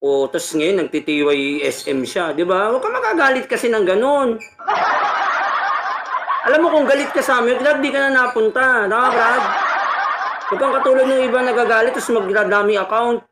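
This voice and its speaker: A man's voice: very high voice, brisk. A man hosting a casual singing livestream, teasing and laughing with his listeners. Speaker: livestream host and singer. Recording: loud background noise.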